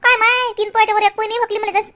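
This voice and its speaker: A rambling old village grandmother speaking in a very high, bright, piercing voice. She lectures and grumbles in a sing-song way, full of sighing exclamations. It is a comic sketch. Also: level tone, rapid-fire. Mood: defensive. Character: chatty, self-pitying old village grandmother.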